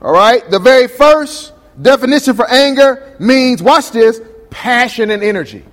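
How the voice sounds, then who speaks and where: High-voiced man preaching in a reverberant hall. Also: expressive, moderate pace, a bit bright. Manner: call-and-response preaching, asks the congregation questions. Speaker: pastor. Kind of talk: sermon. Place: church sanctuary.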